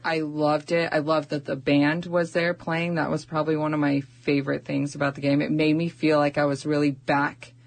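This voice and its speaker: A woman's voice: sits low, level tone, moderate pace, gravelly, hardly any pauses. A young woman who teaches first grade, talking casually in a radio interview with lots of fillers. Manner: chatty, uses many fillers.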